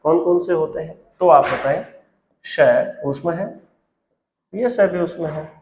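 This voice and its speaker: A man's voice: fairly high pitch, normal speed, darkish tone, roomy sound, slight background noise. A man teaching Hindi grammar in a lesson video, repeating key terms and quizzing his viewers with questions. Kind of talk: classroom-style lesson to camera.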